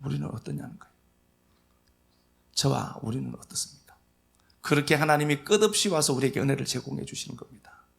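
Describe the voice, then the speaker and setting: A man preaching a sermon as pastor, telling the story vividly and swinging between loud emphasis and soft asides. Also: medium pitch, a little fast, creaky, long pauses. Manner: lively storytelling, acting out dialogue.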